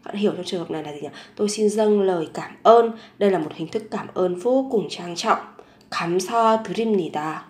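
A woman teaching a language lesson. She says each phrase several times, slowly and clearly, and then explains it. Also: medium pitch, echoey room.

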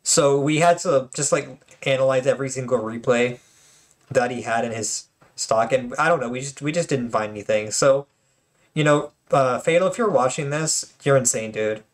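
A man's voice: mid-range voice, moderate pace. A man hosting his own channel and commenting casually on tournament replays, chatty and joking, with lots of fillers and restarts.

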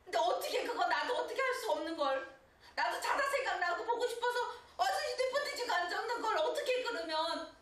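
A woman's voice: very high voice, expressive, fairly quick, a bit bright. A woman complaining to her husband, laughing wryly as she talks. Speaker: wife. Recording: very echoey, from far off the mic.

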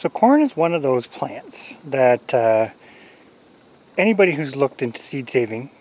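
Standing in a corn garden, a man in his forties who vlogs about homesteading talks to his handheld camera a little slowly, in a medium pitch. He rambles easily, filling pauses and chuckling often. The rough audio comes from a camera mic held at arm's length, with faint cricket and insect sounds behind him.

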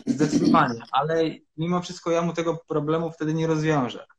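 A urologist in his thirties, a guest on a video call from a room at home, explains treatments in measured sentences with frequent hesitations. His voice is fairly high-pitched, and he gives explanatory interview answers.

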